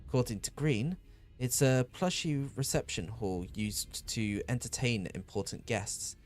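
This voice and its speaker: A man's voice: medium pitch, unhurried, faint music behind, close to an everyday voice. A man doing an earnest, loyal ally.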